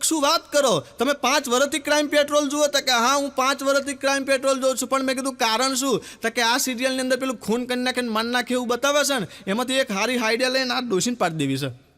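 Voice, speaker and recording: A man doing stand-up, telling comic stories and acting out the dialogue of the people in them. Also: extremely high pitch. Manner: animated joke-telling with quoted dialogue. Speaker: stand-up comedian. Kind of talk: Gujarati comic storytelling.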